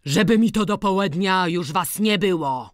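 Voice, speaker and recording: A woman voicing a furious, domineering old peasant farmer who shouts harsh orders in rural dialect. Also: low-pitched, takes it slowly, clear, resonant tone, no room sound. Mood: gruff commanding.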